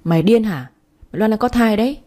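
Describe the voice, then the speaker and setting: A woman voicing a harsh, overbearing father who shouts and scolds, in a spoken story. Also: a little high, lively intonation, brisk, voice pushed up, natural voice. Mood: angry. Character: harsh domineering middle-aged father.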